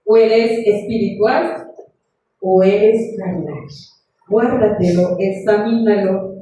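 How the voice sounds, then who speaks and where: Woman preacher, earnest sermon, mellow voice, echoey church room. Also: mid-range voice, takes it slowly, a little hiss or hum. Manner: earnest, storytelling, addresses the congregation warmly as beloved. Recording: echoey room, far from the mic.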